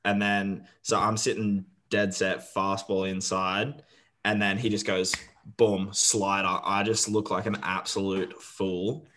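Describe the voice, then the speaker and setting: A man's voice: lowish voice, flat delivery, a little slow, fairly bright tone. A man co-hosting a podcast, telling a self-deprecating story with lots of fillers. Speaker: podcast co-host. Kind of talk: casual podcast chat.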